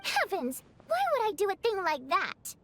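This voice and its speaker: A gentle water imp girl. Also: extremely high pitch, very animated, normal speed, exaggerated voice. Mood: earnest. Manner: polite, earnest, lightly teasing. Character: gentle young female water imp singer. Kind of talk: video game voice acting.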